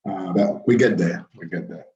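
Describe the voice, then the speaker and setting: A low-voiced man in his 30s from Cameroon hosts an informal live webinar from a small, plain indoor room. His slightly mellow voice is halting and he repeats phrases. The webcam audio is roomy and dull, with a little hiss or hum.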